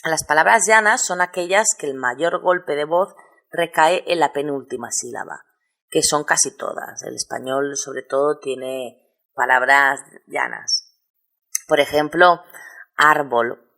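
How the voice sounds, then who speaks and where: A woman's voice: low-pitched, a bit bright. A woman, teaching a recorded lesson and explaining step by step. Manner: patient, explains step by step and spells out syllables slowly. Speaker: Spanish teacher. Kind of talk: recorded lesson on spelling rules.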